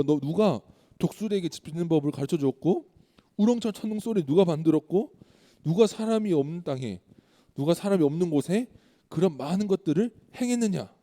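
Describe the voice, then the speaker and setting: A man's voice: high-pitched, dark tone, big-room sound. A man voicing God speaking out of a storm, commanding and stern, firing rhetorical questions in a children's sermon.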